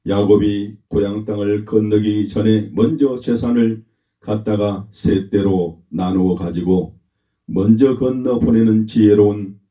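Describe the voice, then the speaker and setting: Man, pastor, sermon, slow emphatic delivery, low pitch, roomy dull lo-fi sound. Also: warm tone. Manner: slow, emphatic preaching with calls for the congregation to repeat. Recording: roomy, dull lo-fi church recording.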